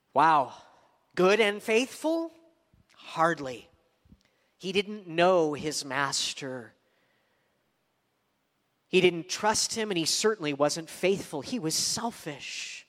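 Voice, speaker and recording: A man with a fairly high voice preaches a sermon, slipping into dramatic voices to act out the characters of his story. His words ring out with a long reverb, as in a large church sanctuary. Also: a bit bright. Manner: dramatic, acting out voices of the servant and master. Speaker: pastor.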